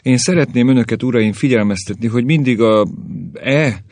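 A man's voice: medium pitch, a little mellow, no room sound, voice pushed up, lightly acted. A man doing a dry, formal old-school professor. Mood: instructive. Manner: formal and instructive. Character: precise, dry male professor testing a subject.

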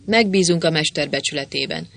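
A man's voice: a little high, gravelly, a bit bright, slight background noise. A scheming crook laying out his plan plainly, as a male narrator puts him on. He speaks in a matter-of-fact way. He sounds sure of himself.

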